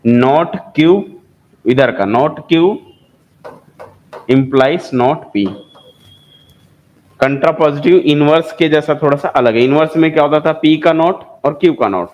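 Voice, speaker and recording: A man's voice: fairly high pitch, dull audio. A man with an Indian accent teaching a maths lesson, who repeats key terms and asks and answers his own questions. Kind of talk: classroom lecture.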